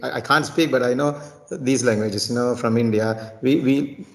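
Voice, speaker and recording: A man's voice: mid-range voice, normal speed. A man from Sri Lanka who works as a tutor, chatting casually in English practice and often repeating words and restarting. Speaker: tutor and teacher.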